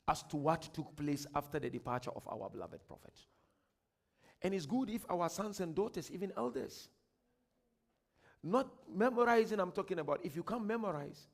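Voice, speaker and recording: Ghanaian man giving a gravelly, high-pitched sermon. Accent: Ghanaian English. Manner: emphatic, swings from loud declaiming to quiet asides; reads quotations slowly and grandly. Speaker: sheikh giving a workshop lecture. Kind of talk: religious lecture.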